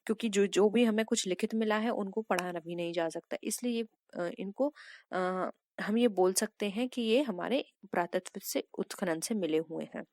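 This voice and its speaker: A woman's voice: medium pitch, moderate pace, a little mellow, no room sound. A woman teacher working through exam practice questions, reading out each set of options and then patiently explaining the right answer.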